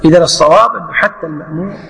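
A man's voice: a little high, rapid-fire, gravelly, fairly bright tone. A man giving a religious lesson on prayer rulings, explaining with rhetorical questions and by acting out the imam and the worshipper. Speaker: Islamic scholar teaching. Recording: echoey hall reverb.

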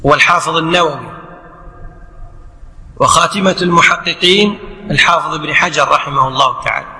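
Bright-voiced man teaching in echoey hall. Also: on the high side, a little fast. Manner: explains by acting out imam and follower, lively rhetorical questions. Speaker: Islamic scholar teaching. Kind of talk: religious lesson on prayer rulings.

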